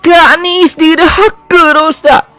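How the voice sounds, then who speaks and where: A man with a Malaysian Malay accent voicing a middle-aged wife who is tearful and bitter toward her husband, speaking in a pleading, high-pitched voice. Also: steady tone, moderate pace, sharp tone, faint music behind. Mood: agitated.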